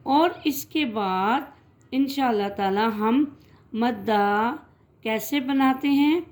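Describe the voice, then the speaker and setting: A woman teacher giving a children's reading lesson, drawing out sounds slowly and then explaining quickly, addressing the children gently. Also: fairly high pitch. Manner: slow drawn-out syllables, then quick explanations; gentle, calls listeners "beta".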